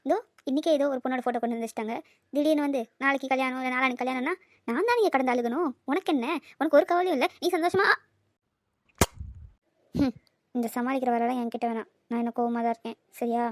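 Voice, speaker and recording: A woman's voice: sits high, fast talker, no room sound, lightly acted. A woman voicing a worried, scolding young woman. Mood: sulky. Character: young woman anxious about a forced marriage. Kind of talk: Tamil cartoon dubbing.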